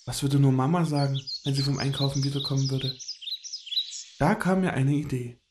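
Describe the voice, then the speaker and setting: A man gently narrating a children's story in an expressive storytelling manner. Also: medium pitch, moderate pace, background noise.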